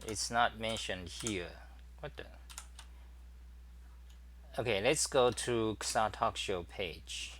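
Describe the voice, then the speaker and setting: A man hosting a casual livestream, demonstrating his computer workflow and greeting viewers, talking haltingly with many fillers and restarts. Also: fairly low pitch, fairly bright tone, slight background noise. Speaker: talk show host. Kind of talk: casual screen-share livestream.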